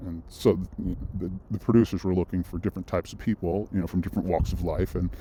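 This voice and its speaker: A man vlogs a personal story in a loose, rambling monologue, restarting often and veering into side notes. He talks fast in a low, steady voice, and background noise is audible.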